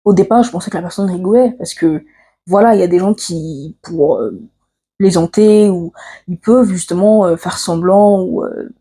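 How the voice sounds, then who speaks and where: A woman with an African French accent telling a personal story to camera, earnest and confiding, pausing often on fillers and restarts. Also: fairly low pitch, mellow, slightly rough. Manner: hesitant, frequent "euh" fillers and restarts. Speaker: vlogger.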